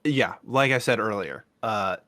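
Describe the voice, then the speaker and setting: A man with a lowish voice co-hosting a podcast, talking loosely and circling back on himself with fillers and restarts. He is recorded close on a dry mic with no room sound. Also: a little slow, bright, forceful tone, no echo. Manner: rambling, many restarts and fillers. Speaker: podcast co-host. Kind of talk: casual podcast chat.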